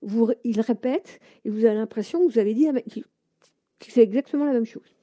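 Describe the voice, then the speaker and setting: An older woman from France, a guest in an interview, telling a personal story in an animated, hesitant way with many fillers. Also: fairly high pitch, normal speed, no echo, studio quality.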